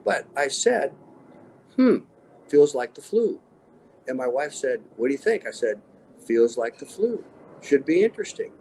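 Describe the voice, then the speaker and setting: A man's voice: medium pitch, very animated, a little slow, long pauses, a little mellow, slight background noise, rough recording. A man in his sixties, an extreme athlete and interview guest, telling motivational stories in short, punchy, emphatic statements. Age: 60s. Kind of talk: motivational storytelling.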